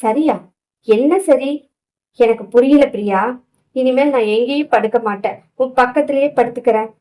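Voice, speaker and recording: A woman reading an audio novel, voicing a frightened, tearful young wife who pleads in drawn-out words. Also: a little high, warm tone, close to an everyday voice, poor audio. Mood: reassuring.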